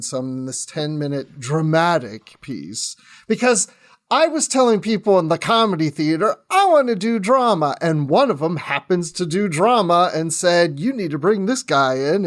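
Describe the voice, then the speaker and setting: A talkative male podcast guest chats casually in a slightly high, sing-song voice at a normal speed. He often breaks off mid-sentence and starts over.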